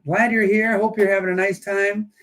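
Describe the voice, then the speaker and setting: A man's voice: high-pitched, flat delivery, normal speed, fairly bright tone. A man hosting a live coin auction, chatting and joking while he counts down bids. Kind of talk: casual live-stream auction chat.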